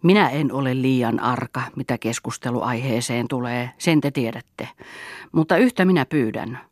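A man's voice: medium pitch, no echo, clean studio sound, close to an everyday voice. A man voicing an older male veteran reveler who gives a solemn, sentimental toast.

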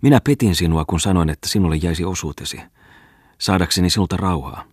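A man's voice: low voice, breathy edge, no room sound, studio quality. A male reader playing a bitter, ruined old merchant who reproaches his wife. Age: older.

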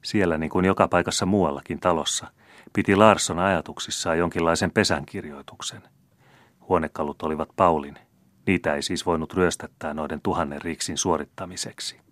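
A man narrates a classic novel in a steady, measured reading. His voice is very deep. The recording is dry and close, with no room echo. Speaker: audiobook reader. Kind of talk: scripted narration.

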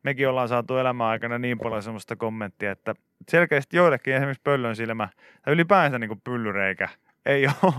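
A man's voice: medium pitch, a bit bright, smooth, no room sound, clean studio sound. A man hosting a morning radio show, bantering casually and teasing his co-host with bursts of laughter. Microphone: studio microphone.

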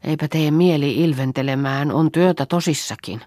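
A woman's voice: deep voice, dark tone, dry recording, clean studio sound, natural voice. A woman voicing an anxious, pious young farm girl who pleads and prays aloud. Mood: calm.

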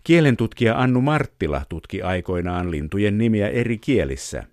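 A man hosting a radio program, narrating a scripted piece in a measured storytelling way and then interviewing a guest. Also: on the low side, animated, a little mellow, no room sound, clean studio sound. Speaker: radio host.

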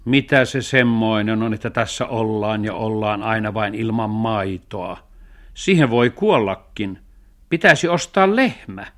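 A man voicing a thrifty, sensible male cat in a children's radio story, talking in a dry, reasoning way with a sharp tongue. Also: on the low side, animated. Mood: grumbling.

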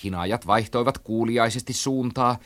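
A man reading a children's story aloud in an animated, rhythmic storytelling style. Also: mid-range voice. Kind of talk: expressive storybook narration.

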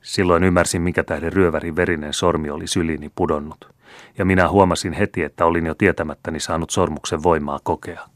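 A man reading the part of a scheming, vengeful male steward, speaking with hushed, sneering false humility in an audiobook. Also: low voice, fairly even intonation, no echo, lightly acted. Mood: menacing. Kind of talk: audiobook character voice.

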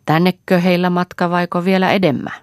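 Man putting on a loud jovial backwoods man. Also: mid-range voice, sing-song, husky, dry recording, studio quality, full character voice. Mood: hearty. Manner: boisterous, teasing, laughing.

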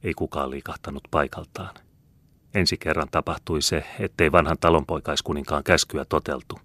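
A man narrates a classic novel in a measured, even storytelling manner. His voice sits extremely low, and the recording is dry and close. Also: breathy edge, no echo. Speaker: audiobook reader. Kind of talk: scripted narration.

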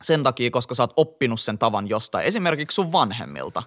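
A young man with a Helsinki accent, co-hosting a casual podcast chat, telling slangy stories animatedly with lots of fillers. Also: mid-range voice. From Finland. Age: young adult. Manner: slangy, animated storytelling with laughs and many fillers. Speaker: podcast co-host.

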